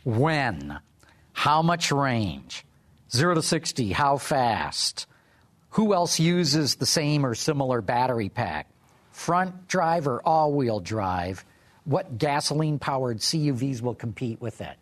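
A male interviewer who briskly rattles off questions one after another. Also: medium pitch, very animated.

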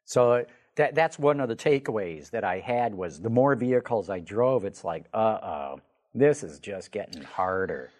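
Male talk show host, low-ish voice, eager and chatty, studio setting. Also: a little slow. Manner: enthusiastic, repeats words when excited. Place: studio showroom.

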